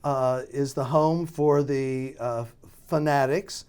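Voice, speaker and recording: The interviewee, an American man who produces radio dramas, has a medium-pitched voice with a steady, clean, slightly mellow tone. His speech is casual and halting, as though he's working out his thoughts aloud.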